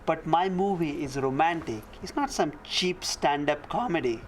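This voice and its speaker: An actor playing a middle-aged doctor turned stubborn film producer, insistent and exasperated in conversation. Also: male voice, on the high side, normal speed, a little hiss or hum, natural voice, poor audio. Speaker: doctor and aspiring filmmaker.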